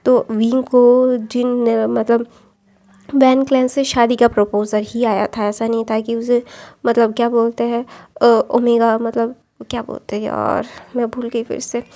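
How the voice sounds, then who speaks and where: Casual female storyteller who searches for words and corrects herself; mellow, dark tone. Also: a little high, little pitch movement, a little slow. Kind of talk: casual storytelling retelling of fan fiction.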